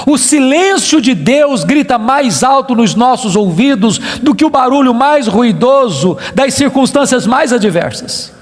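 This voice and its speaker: High-voiced Brazilian pastor preaching. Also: male voice. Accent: Brazilian Portuguese. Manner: emphatic preaching with rhetorical repetition; dramatic swings between loud peaks and hushed low phrases. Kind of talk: sermon. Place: church sanctuary. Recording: reverberant church hall.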